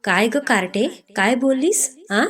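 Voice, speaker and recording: A bossy, scolding old grandmother voiced by a woman reading a storybook speaks in slow, drawn-out commands. She sounds fond but firm, and she is always giving orders. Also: on the high side, expressive, a bit bright.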